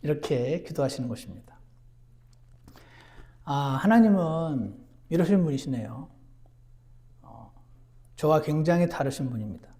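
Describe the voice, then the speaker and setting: A man preaching a sermon as pastor, earnest, moving between emphatic lines and hushed ones. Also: on the high side, lively intonation, measured pace, pauses often. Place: church.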